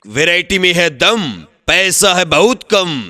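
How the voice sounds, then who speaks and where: A high, bright male voice calls out a vendor's offer in a sing-song hawker's style. He speaks slowly and drawn out, repeating each slogan. The recording is dry and close. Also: no echo. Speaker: street vendor announcer. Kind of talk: recorded loudspeaker sales pitch.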